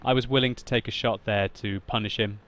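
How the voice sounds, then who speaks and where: A man narrating his own tank battle gameplay as a voice-over commentary, laughing often and getting loud and excited at big moments. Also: lowish voice, brisk. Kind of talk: video game commentary voice-over.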